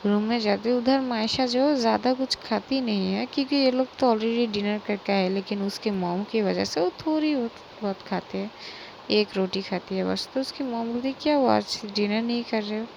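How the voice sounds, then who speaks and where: A woman's voice: on the high side, moderate pace, creaky, a little mellow, lo-fi sound, a little hiss or hum. A woman narrating a story in a casual, conversational retelling with many fillers.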